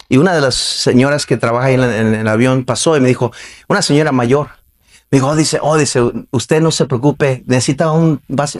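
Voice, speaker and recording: A male pastor preaching a Baptist sermon in a conversational way, asking the congregation question after question and acting out quoted voices. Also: mid-range voice. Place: church sanctuary.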